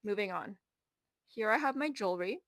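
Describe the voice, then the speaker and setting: A woman's voice: mid-range voice, expressive, moderate pace, fairly bright tone, dry recording. Chatty, winded young woman. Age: 20s. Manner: rambling, self-deprecating, filler-heavy. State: slightly out of breath. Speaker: vlogger. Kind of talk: casual room tour narration.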